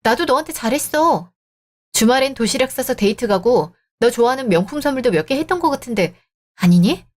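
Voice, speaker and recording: Woman, radio drama heroine, cold, cutting, fairly high voice. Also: lively intonation, fast.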